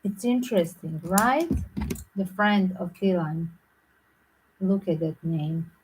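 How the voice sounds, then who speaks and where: A woman tarot reader talking to her viewers in a loose, rambling way, often filling pauses with "like". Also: fairly low pitch, background noise. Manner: rambling, frequent "like" fillers. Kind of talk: casual speculative monologue to viewers.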